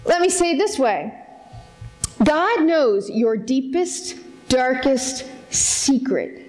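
A woman with a high voice preaches to a congregation. She speaks earnestly and conversationally, turning to the listeners with direct questions. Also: animated, slow pace, a little mellow, soft background music. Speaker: pastor. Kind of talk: sermon. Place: church service in front of a congregation.

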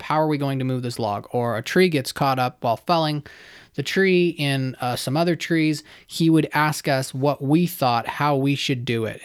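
Animated storyteller, casual chat. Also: medium pitch, clear, resonant tone. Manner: animated storyteller, many fillers and laughs. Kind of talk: casual reminiscing conversation.

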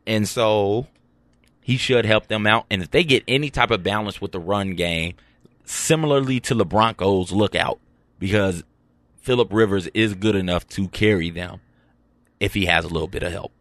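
A man's voice: lowish voice, normal speed, fairly bright tone, no room sound. A man co-hosting a casual sports podcast, breaking down a team's season with playful banter. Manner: playful, predicts games one word at a time. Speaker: podcast co-host.

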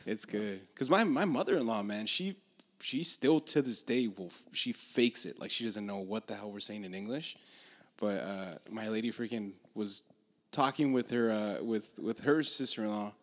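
A man's voice: fairly low pitch, normal speed. Laid-back profane man telling stories. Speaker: podcast co-host. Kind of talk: casual chat.

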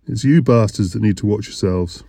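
A man's voice: fairly low pitch, moderate pace, creaky, dark tone. Man putting on a jovial Lancashire innkeeper. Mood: conspiratorial. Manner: conspiratorial, teasing. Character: jovial portly English innkeeper, middle-aged man.

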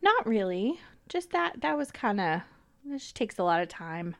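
A woman's voice: medium pitch, big pitch swings, normal speed, vocal fry. A middle-aged woman co-hosting a casual talk show. She talks in a chatty, storytelling way. She laughs easily between her sentences. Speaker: co-host. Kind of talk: casual chat.

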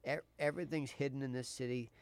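A man's voice: mid-range voice, steady tone, quick pace, smooth, dry recording. A male co-host in casual chat and storytelling, emphatic and often repeating himself. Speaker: show co-host.

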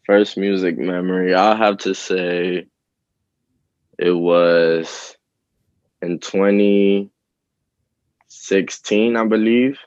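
A young man with a very low, deep voice talks in a relaxed, rambling way, full of fillers and restarts. The sound is dry and a little dull, like lo-fi remote audio. He is a rapper guest in a casual interview. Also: drawn-out words, pauses often, no room sound. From Dominican Republic. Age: young adult.

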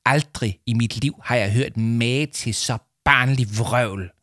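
A man's voice: medium pitch, steady tone, no room sound, studio quality, natural voice. A man voicing a scornful, condescending adult debater in a children's audiobook. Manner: sneering, scornful.

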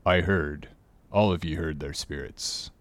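A man reading an audiobook voices an old superstitious sailor speaking in a low, grim, foreboding way. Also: measured pace, no echo.

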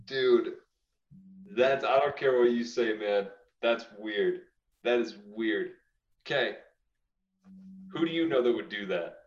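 A man's voice: mid-range voice, slow, pauses often. A young man co-hosting a podcast, reading listener confessions aloud in a casual way and often breaking into laughter. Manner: laughs often while reading, says "dude" a lot. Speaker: podcast co-host. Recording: roomy, slightly dull recording.

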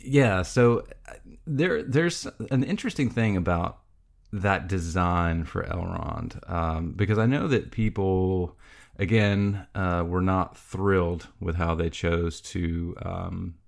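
Deep gravelly man in casual chat. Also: slow pace. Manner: rambling, laughs often, many restarts and fillers. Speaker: podcast host. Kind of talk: casual chat about a film.

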